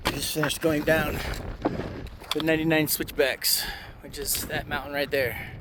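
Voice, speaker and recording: A man's voice: fairly high pitch, fairly even intonation, a little slow. Man, hiker vlogger, casual trail chat into a phone, outdoor noise audible. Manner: chatty, talking while hiking downhill. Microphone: handheld phone. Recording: clear outdoor background noise.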